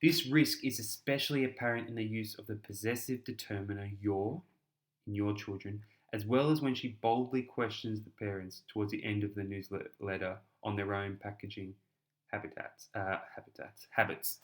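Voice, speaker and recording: A man's voice: on the low side, fairly even intonation, normal speed. A young man with an Australian accent explains an essay in a chatty, casual tutoring style, often repeating words and restarting.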